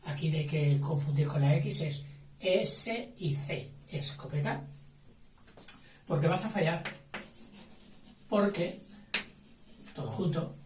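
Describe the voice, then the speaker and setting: A man giving a slow spelling dictation, breaking words into syllables and spelling out letters, recorded from a distance in a noisy, roomy space. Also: fairly high pitch, a little mellow.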